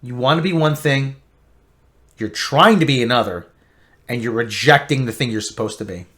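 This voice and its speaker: Speaking at normal speed, a man who comments on pop culture online rants emphatically and opinionatedly in a TV review. He keeps repeating himself, lurching from loud outbursts to low grumbles.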